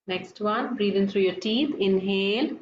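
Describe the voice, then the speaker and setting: Female yoga instructor, soft soothing unhurried delivery, guided breathing; roomy, slightly muffled recording. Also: mid-range voice. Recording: echoey room, dull lo-fi, faint noise.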